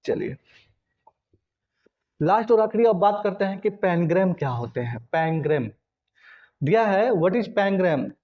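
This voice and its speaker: A man's voice: high voice, animated, measured pace, pauses often, dull audio. A man teaching English grammar to students, repeating key points and often checking whether they follow. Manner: addresses students directly, repeats and checks understanding. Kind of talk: classroom lesson.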